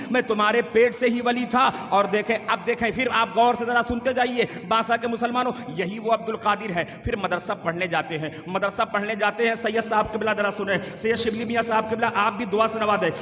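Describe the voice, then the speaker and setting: A man's voice: very high-pitched, sharp tone, in a large hall. A male Islamic preacher giving an emphatic storytelling sermon, calling on the audience to respond again and again. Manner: emphatic, repetitive, urges crowd to respond. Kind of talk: Urdu religious sermon with storytelling.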